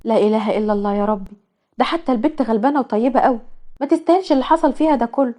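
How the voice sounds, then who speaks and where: A woman's voice: fairly high pitch, racing, warm tone, close to an everyday voice. A woman with an Egyptian accent voicing a chatty, sympathetic young woman who gushes. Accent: Egyptian Arabic. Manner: gushing, chatty.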